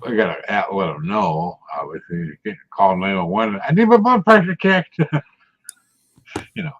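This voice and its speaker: With a low, sing-song voice at normal speed, a man in his sixties chats casually, wandering through stories and chuckling frequently. Muffled lo-fi audio.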